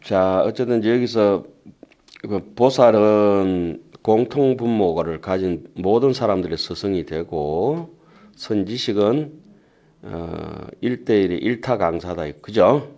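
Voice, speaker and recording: Monk lecturing with a Gyeongsang accent. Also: male voice, lowish voice, warm tone. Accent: Gyeongsang dialect. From Gyeongsang region of Korea. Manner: slow deliberate reading of the text, then quick chatty asides to the audience. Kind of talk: sutra lecture to lay Buddhists. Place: temple lecture hall with an audience.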